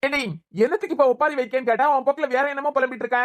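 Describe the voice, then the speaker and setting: A woman with a Kanyakumari Tamil accent voicing a gruff, nagging husband in a cartoon serial, scolding and impatient. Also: high voice, steady tone, very fast, close to an everyday voice.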